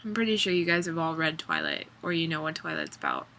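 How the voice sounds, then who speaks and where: A woman's voice: deep voice, wildly swooping pitch, fast talker, gravelly, sharp tone, slight background noise. A young woman chatting casually in her dorm room, rambling and sarcastic, with many ums and likes. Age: young adult. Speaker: vlogger. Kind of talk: casual vlog chat.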